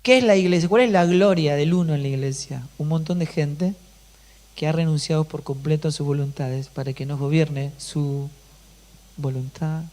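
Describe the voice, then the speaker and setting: A pastor delivering an emphatic sermon, often putting rhetorical questions to the congregation. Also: male voice, a little high, moderate pace, darkish tone.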